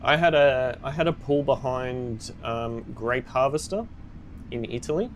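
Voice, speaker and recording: A man's voice: mid-range voice, a little slow, slight background noise. A man streaming a game live, chatting casually with viewers and reacting with upbeat exclamations.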